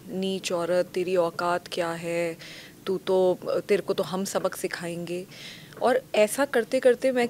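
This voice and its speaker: A woman answering interview questions, giving a detailed and earnest account. Her pitch is average, and a faint ambient hiss sits behind her voice. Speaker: guest.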